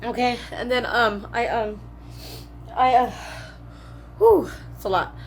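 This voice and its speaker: A woman's voice: on the high side, steady tone, takes it slowly, roomy sound, a little hiss or hum. A woman vlogger telling a personal story to the camera in a rambling, emotional way.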